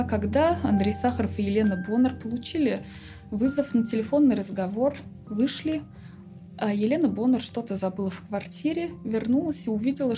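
A woman with a fairly high but mellow voice recounts events in an interview, speaking in a loose, conversational way with small asides. Faint music runs under her words. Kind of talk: interview explanation.

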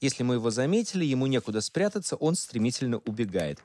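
A man calmly reading memoir passages aloud in the first person. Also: mid-range voice, fast talker. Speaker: reader of a memoir.

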